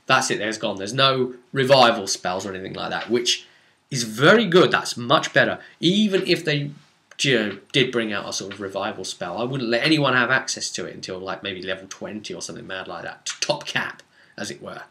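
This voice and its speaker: Briskly and in a voice on the low side, the game master chats through a tabletop role-playing session, animated and rambling, stressing key bits and then trailing off.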